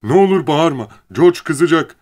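A man's voice: fairly high pitch, animated, normal speed, a little mellow, pitched above the performer's own voice, lightly acted. A man voicing a big, simple-minded farmhand who is childlike and easily frightened, speaking in a raised, pleading voice. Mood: pleading panic.

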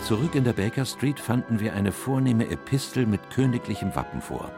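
An actor playing a gentlemanly Victorian doctor narrating a detective case in measured radio-play storytelling. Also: male voice, mid-range voice, very animated. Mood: composed, narrating. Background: music.

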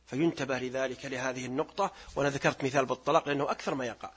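A middle-aged man giving a religious lesson, explaining verses, reciting them slowly and quizzing his listeners. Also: mid-range voice, fairly even intonation, a bit bright, breathy edge. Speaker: sheikh teaching Quran commentary.

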